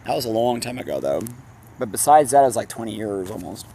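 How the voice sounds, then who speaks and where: A man's voice: fairly low pitch, big pitch swings, quick pace, warm tone, a little hiss or hum. A man casually reading a fantasy novel aloud, stumbling over words and breaking off into rambling asides with laughs. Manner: breaks off with laughs and personal tangents; stumbles and self-corrects while reading.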